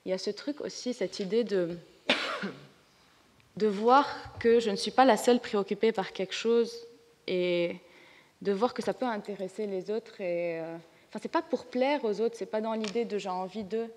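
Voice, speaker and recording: A woman's voice: mid-range voice, normal speed, darkish tone. A woman with a Lebanese accent, speaking as a panelist in a casual, spontaneous and frank way. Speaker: panelist, comics artist. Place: conference hall. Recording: reverberant lecture hall.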